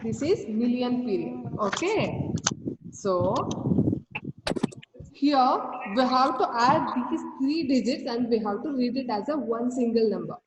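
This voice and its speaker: A woman teacher with an Indian English accent, explaining a math lesson over a video call, slow and repetitive. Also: fairly high pitch, lively intonation. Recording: roomy, distant, dull call audio with faint noise.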